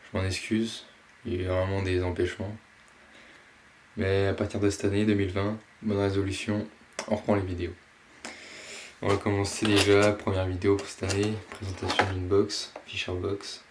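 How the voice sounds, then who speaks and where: A man casually presenting and unboxing a box of fishing lures, pausing often with fillers. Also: deep voice, little pitch movement, slight background noise. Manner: slow, hesitant, many fillers. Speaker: fishing vlogger.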